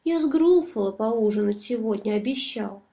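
A woman voicing a small, clever, boastful male mouse with a squeaky, cheeky voice in a storybook reading. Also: animated, moderate pace, mellow. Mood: sly.

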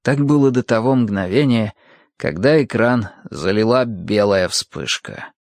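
A man narrating a science-fiction story in a measured, even storytelling manner. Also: fairly low pitch, no echo, studio quality. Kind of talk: audiobook reading of science fiction.

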